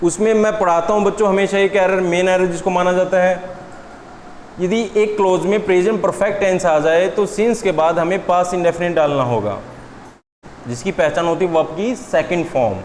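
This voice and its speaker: High-voiced teacher in an echoey classroom. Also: male voice, a little mellow. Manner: asks students questions and answers them himself; stresses English words slowly and deliberately. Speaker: English teacher. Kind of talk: classroom exam-prep lecture. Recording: echoey room with long reverb and faint noise.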